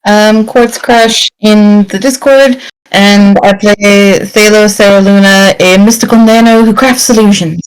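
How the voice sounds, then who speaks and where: A woman's voice: medium pitch, steady tone, a little slow, smooth, rough recording. A woman player introducing herself and her character. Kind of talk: casual introduction.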